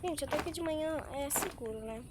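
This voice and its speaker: A woman's voice: sits high, brisk, very noisy. A young woman commenting on a survival game, anxious and exclaiming often as she talks to her viewers. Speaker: gaming streamer.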